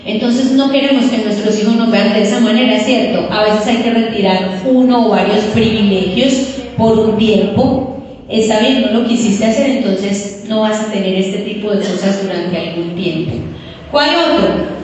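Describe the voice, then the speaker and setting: A woman's voice: medium pitch, moderate pace, a little hiss or hum. A woman preaching a sermon to a congregation, telling stories and calling her listeners "queridos". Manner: addresses listeners as "queridos", animated storytelling. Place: church hall. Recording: echoey hall from far off.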